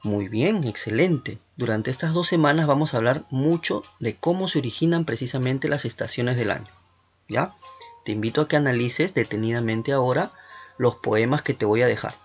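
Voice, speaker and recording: A man's voice: mid-range voice, normal speed, slightly rough. A man teaching an online class to schoolchildren, talking them through questions in an encouraging way. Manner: encouraging, asks many questions with tag "¿no?". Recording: dull lo-fi recording with faint music.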